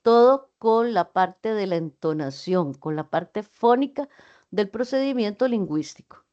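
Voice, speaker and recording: A woman lectures her online class in a mid-pitched voice. She explains patiently, stopping to act out examples for her students. The call audio is dull and lo-fi. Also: lively intonation, unhurried, dark tone. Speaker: teacher.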